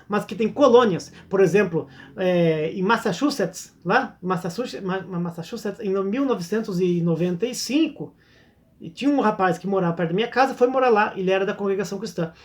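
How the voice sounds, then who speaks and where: A middle-aged Brazilian man with a Brazilian Portuguese accent, hosting his own channel in a casual critical monologue, halting and repeating words as he thinks. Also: high voice. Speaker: YouTube channel host.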